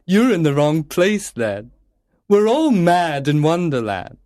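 A man's voice: fairly high pitch, big pitch swings, slow pace, a little mellow, no room sound, clean studio sound, voice pushed up. A man voicing a sly, grinning male cat who speaks in a teasing, knowing way.

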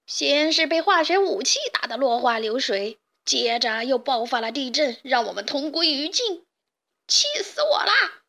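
A woman voicing a furious male bandit chief in a children's storybook, shouting in rage. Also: sits high, animated, normal speed, heavily acted. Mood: enraged.

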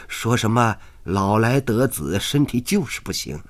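A man's voice: on the low side, animated, measured pace. An actor playing a kindly older station policeman, flustered and sighing as he coaxes a crying baby in a radio drama. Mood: rueful. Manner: fussing and coaxing, sighing exclamations.

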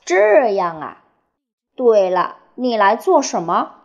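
A woman voicing a gentle, chuckling old lizard granny while reading a storybook aloud. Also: fairly high pitch, big pitch swings, slow, lo-fi sound, exaggerated voice. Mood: kindly.

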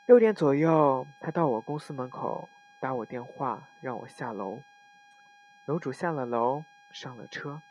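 A man calmly reading a first-person forum story aloud, with the odd slip and self-correction. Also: on the high side, lo-fi sound, a little hiss or hum. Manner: calm, unhurried reading with small slips and self-corrections.

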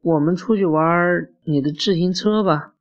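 Guy doing an eager little schemer boy, higher voice, dull lo-fi audio. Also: measured pace. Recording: muffled lo-fi recording.

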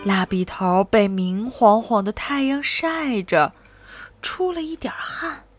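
A woman reading a children's picture book aloud in a slow, gentle, expressive way. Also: on the high side. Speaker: storyteller. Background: soft music.

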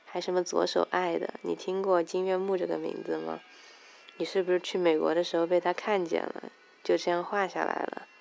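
A woman's voice: on the low side, little pitch movement, a little fast, vocal fry, a little mellow, slight background noise. A woman voicing a teasing teenage older brother in a story she reads aloud.

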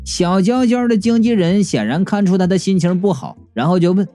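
A man reading a comic audio novel aloud, lively and jokey with quick asides. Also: high voice, faint music behind. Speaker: storyteller.

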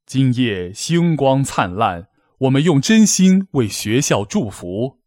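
A formal gala's host speaks in a medium-pitched voice, reciting a scripted, poetic address with solemn, declamatory and measured phrasing. The recording is dry and clean, studio-made.

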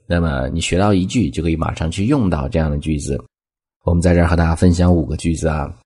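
Deep husky guy teaching english phrases, slows way down to model each one. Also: dark tone. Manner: explains step by step, slowing down to model each phrase. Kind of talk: language lesson explaining phrases.

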